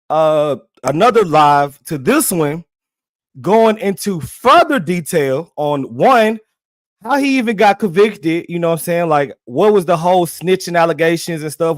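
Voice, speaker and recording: Animated man streaming, dry close mic. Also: high voice, dry recording. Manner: animated, repetitive, talks straight to viewers in slang. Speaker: livestream host. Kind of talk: casual livestream commentary.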